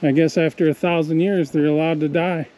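A man's voice: on the high side, level tone, fairly quick, warm tone, a little hiss or hum, poor audio. Easygoing man narrating a forest hike. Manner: easygoing, musing aloud. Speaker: hiking vlogger. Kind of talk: casual commentary on a hike. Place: outdoors on a forest trail by a river. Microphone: action camera held or worn.

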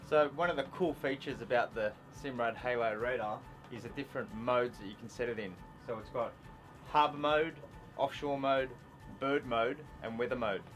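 An Australian-accented man in his thirties hosts a fishing show, giving an upbeat, enthusiastic product demo outdoors on the open deck of a boat on a bay. His voice is medium-pitched, a bit bright, and at normal speed. The recording is low quality, with a music bed underneath.

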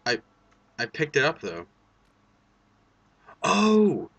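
Hosting a casual let's play, a young man talks at normal speed in a fairly low voice with a bright, forceful edge. He reacts to everything, cracks jokes, and swears freely.

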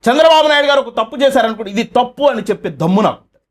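A man's voice: extremely high pitch, animated, racing. A man, running his own channel and delivering a fiery, accusatory political commentary full of rhetorical questions.

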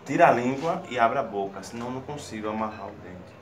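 A young man from the northeast, filming his son in a casual home video, patiently coaxes the child with step-by-step instructions. His medium-pitched voice is lively in intonation and quick in pace. The recording has a little hiss or hum.

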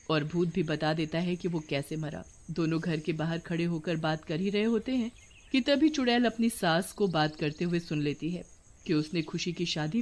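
Woman narrating a storybook cartoon. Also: on the low side. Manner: even, soft, storytelling.

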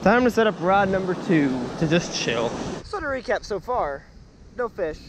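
Outdoors on the beach, a man fishing in the surf chats to his action camera at a moderate pace, his voice high. His vlog narration is casual and self-deprecating, breaking into excitement whenever he suspects a bite. Wind and crashing waves fill the windy recording, along with surf noise.

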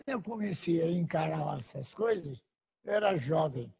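An older man speaking slowly and deliberately in an archival television interview, with a husky voice. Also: on the high side, lively intonation, mellow. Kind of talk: recorded interview.

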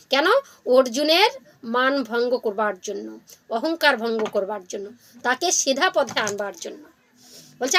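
Woman, devotional storyteller, high voice, bright tone, animated narration. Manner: animated, acts out every character's lines.

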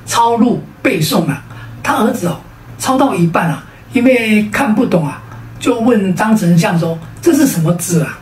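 A woman's voice: mid-range voice, reverberant, recorded from a distance, a little hiss or hum. Taiwanese-accented woman telling jokes. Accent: Taiwanese Mandarin. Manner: sing-song, sentence-final particles. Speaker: joke teller. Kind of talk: storytelling comedy.

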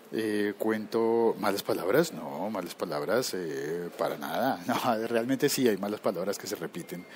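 Guy, lowish voice, live podcast, rambly and sidetracked, faint background hum. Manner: rambling, easily sidetracked, frequent self-corrections. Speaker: tech podcast host. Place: recording room at work.

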